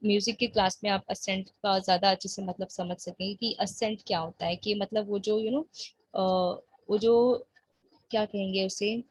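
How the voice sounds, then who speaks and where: A woman teaching an English grammar lesson, explaining patiently and reading example sentences slowly. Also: mid-range voice, fairly even intonation, breathy edge, dry recording. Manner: patient, explains slowly, checks in with the listener often.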